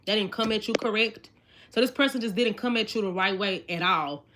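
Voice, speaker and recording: Over clearly audible card shuffling and clicks, a woman in her twenties does a casual tarot reading. Her voice is mid-range, fairly quick and fairly bright. She chats directly with viewers and tends to repeat herself.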